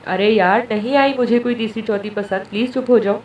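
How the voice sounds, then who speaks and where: A woman's voice: a little high, steady tone, a little fast, darkish tone, a little hiss or hum, natural voice. A woman voicing a playful, proud young husband who banters affectionately with his wife, recorded at a distance in an echoey room. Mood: teasing.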